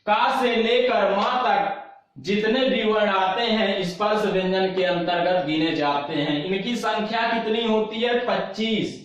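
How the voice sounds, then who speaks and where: A man teaching an online class, asking questions and answering them himself, repeating key terms and slowly demonstrating sounds. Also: sits high, fairly bright tone. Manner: slow, drawn-out demonstration of sounds. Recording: very echoey, dull lo-fi room recording.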